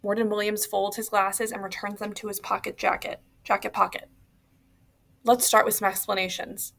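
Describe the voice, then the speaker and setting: Woman audiobook narrator, steady and even, mid pitch with a gravelly edge. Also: moderate pace. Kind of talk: audiobook reading.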